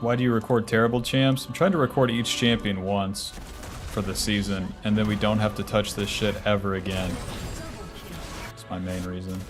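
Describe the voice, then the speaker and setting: Over music, a man with a lowish voice speaks at normal speed in a steady tone. He's in his twenties, streaming a game with casual, blunt talk, plenty of swearing, and spoken replies to viewers' questions.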